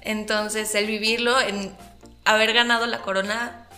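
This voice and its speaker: A woman with a Mexican accent answering interview questions, telling her experiences in an earnest, animated way. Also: mid-range voice, a little slow, faint music behind. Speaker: interview guest, pageant winner.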